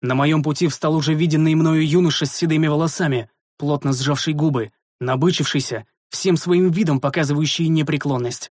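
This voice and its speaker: Man, first-person fantasy audiobook narration, steady measured delivery, slightly high voice, dry close mic. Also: dry recording.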